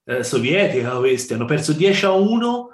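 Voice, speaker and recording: A man hosting a football podcast, chatting quickly and playfully with friends over a call. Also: a little high, big pitch swings, reverberant. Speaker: podcast host. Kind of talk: casual group chat on a call.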